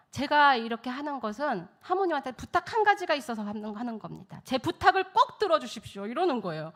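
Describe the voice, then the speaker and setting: A middle-aged woman, a missionary speaker, telling a lively testimony story at a church service, acting out the people she quotes and laughing often. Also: high-pitched. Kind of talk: testimony sermon.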